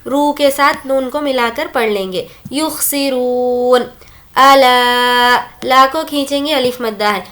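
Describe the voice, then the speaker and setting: A woman teaching tajweed, reciting Quranic words slowly and drawn out, then explaining each rule in plain Hindi-Urdu speech. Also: high voice, fairly bright tone. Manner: slow drawn-out recitation between quick explanations. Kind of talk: word-by-word recitation lesson.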